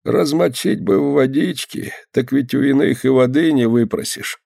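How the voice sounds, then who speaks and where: A man voicing a meek, weary old organ-grinder in a storybook reading, soft and sighing. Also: medium pitch, animated, unhurried, vocal fry, no room sound, studio quality, voice pushed up.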